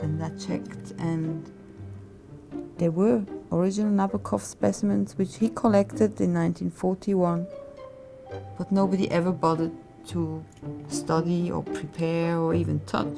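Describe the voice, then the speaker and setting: In a relaxed, matter-of-fact documentary interview, a Swiss woman explains her job managing a museum's insect collections. Her voice is on the low side, with vocal fry.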